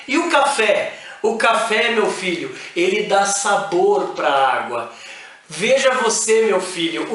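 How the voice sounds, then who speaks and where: A man's voice: high-pitched, fairly bright tone. A man, a sales and motivation speaker, talking directly to his listeners and calling them friends. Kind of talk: motivational talk. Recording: very echoey room.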